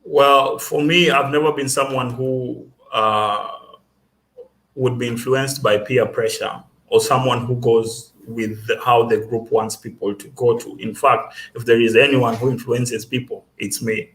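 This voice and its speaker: A man's voice: medium pitch, fairly even intonation, measured pace, fairly bright tone. A young man with a Kenyan accent, a student guest answering interview questions in an earnest, self-assured way. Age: young adult. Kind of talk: casual interview.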